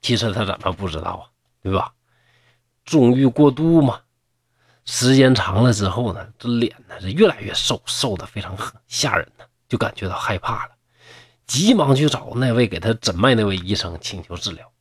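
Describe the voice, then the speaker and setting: A man's voice: on the low side, lively intonation, moderate pace, slightly rough, dry recording, studio quality. A man telling a folk tale in a chatty manner with mocking asides. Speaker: storyteller.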